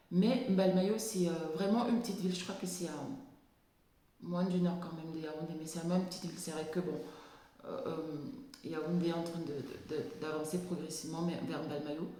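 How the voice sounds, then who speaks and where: A woman, talking casually and haltingly as she explains and tells anecdotes, often repeating words as she searches. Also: on the low side, mellow. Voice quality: lisp on s sounds. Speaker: video blogger on natural hair. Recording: very echoey, reverberant room.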